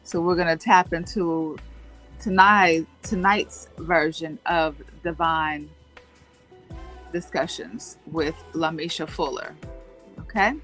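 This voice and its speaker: A woman's voice: sits low, steady tone, takes it slowly, a bit bright, soft background music. A woman hosting a casual talk show, laid-back and full of fillers like "you know" and "um". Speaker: host.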